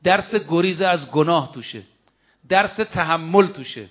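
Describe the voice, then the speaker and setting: Man giving a sermon, pretty high voice, asks the crowd questions, recites verses slow, dull lo-fi sound. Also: expressive. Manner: rhetorical questions, recites Arabic verses slowly. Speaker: preacher. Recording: dull lo-fi recording.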